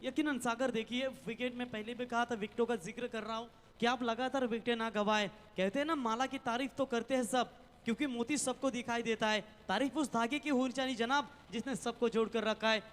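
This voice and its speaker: A man's voice: very high voice, fairly even intonation, brisk, a bit bright. A man giving live cricket commentary in a rhetorical, poetic manner, as if reciting verse. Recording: long reverb, like a PA system.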